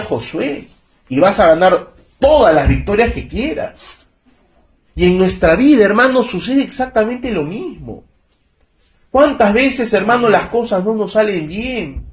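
A man's voice: sits high, very animated, measured pace. A man in his thirties preaching a sermon, emphatic and constantly calling his listeners brother and checking that they follow him. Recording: echoey room.

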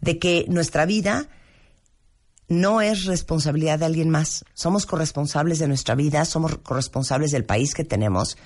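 A male Mexican radio host with a slightly high voice speaks emphatically in the studio, piling up long lists and urging listeners like a preacher. His casual talk keeps a moralizing edge. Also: moderate pace. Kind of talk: casual opinion talk on air.

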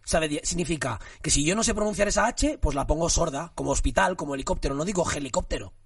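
A man's voice: fairly high pitch, quick pace, breathy edge, dry recording, clean studio sound, distant mic. A young man chatting casually on a podcast, teasing and joking.

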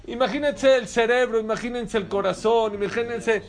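A man's voice: extremely high pitch, normal speed. A man preaching a sermon as a rabbi, telling stories and asking rhetorical questions with animation.

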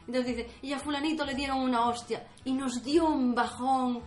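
A woman co-hosting a casual comedy podcast, telling animated, crude stories. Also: sits high, normal speed. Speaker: podcast co-host. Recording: echoey room with music.

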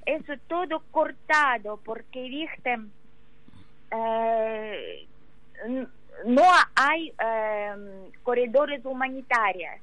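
High-pitched Ukrainian woman, halting and slow. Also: lively intonation, dry recording, phone-quality sound. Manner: halting, searching for words in non-native Spanish. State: emotional. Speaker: interview guest. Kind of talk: halting spoken testimony in an interview.

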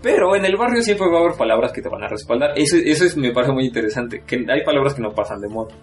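A man's voice: mid-range voice, fast, faint music behind. Rambling Mexico City man, casual podcast chat. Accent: Mexico City Spanish. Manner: relaxed, rambling, laughs often.

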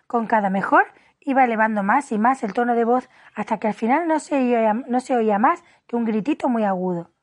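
A woman reading a classic storybook aloud in an expressive narrating voice. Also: fairly high pitch, fairly quick. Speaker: audiobook reader.

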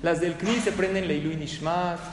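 A man giving a Torah class as a sermon, telling stories with animated voices for the people in them. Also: a little high, moderate pace, noisy background. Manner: animated storytelling, acting out voices. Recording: echoey hall with faint ambience.

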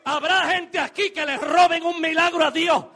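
A man preaching a dramatic sermon, acting out scenes and building to shouts. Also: very high voice, steady tone, moderate pace.

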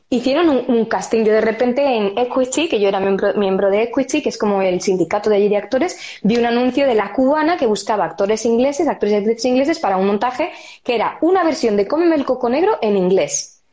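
Laughing, lively woman telling stories. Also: a little high, dull audio. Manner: lively storyteller, laughs often, acts out dialogue. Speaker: stage actress. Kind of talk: casual interview chat.

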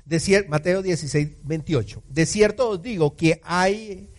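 A man's voice: sits high, a little slow. A man preaching a church sermon, acting out scripture passages, cracking jokes and calling on the congregation to answer him. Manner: theatrical, acting out scripture quotes; jokes and calls on the congregation to respond. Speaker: pastor. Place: church service.

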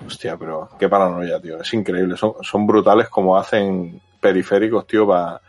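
A man hosting a casual chat in an excitable, slangy, repetitive way. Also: deep voice, normal speed, husky, faint music behind. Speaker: podcast host.

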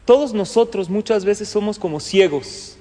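Man, sermon, high voice, storytelling, long hall reverb. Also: normal speed, dark tone. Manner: storytelling with jokes and questions to the listeners. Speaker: rabbi and lecturer.

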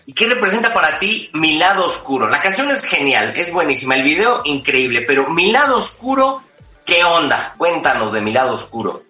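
A man's voice: a little high, big pitch swings, normal speed, bright, forceful tone. A male host asking playful, enthusiastic interview questions. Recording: echoey room, mic at a distance, music behind.

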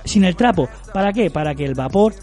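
A man spins jokey stories in a relaxed podcast chat. He talks fast in a somewhat raised voice. Soft music sits faintly underneath. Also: high voice. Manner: joking storyteller, acts out dialogue. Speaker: podcast co-host.

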